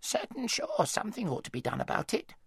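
A thick, wheezy male hedgehog in a storybook, chatty and unhurried, with a folksy drawl, as a male narrator puts him on. His voice sits far above the reader's own and the delivery wanders over a wide melodic range. The recording is close and dry. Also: sits high, huge pitch swings, creaky, breathy edge, no echo, voice pushed up, heavily acted. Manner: drawling, homely country speech. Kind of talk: audiobook character voice.

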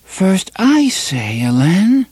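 A man voicing an entranced young woman in an audiobook, speaking in a faint, dreamy, slow way. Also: high voice, huge pitch swings, darkish tone, husky, no echo, voice pushed up, heavily acted. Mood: dreaming.

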